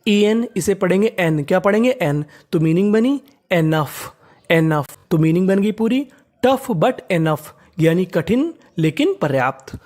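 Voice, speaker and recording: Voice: mid-range voice, expressive, a little mellow. Methodical Indian-accented teacher drilling English pronunciation step by step. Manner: methodical, repeats each word slowly several times. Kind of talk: step-by-step spelling and pronunciation lesson.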